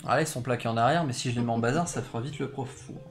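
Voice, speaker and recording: A man's voice: mid-range voice, racing. A man streaming a board game live, cracking dry teasing jokes and explaining the rules.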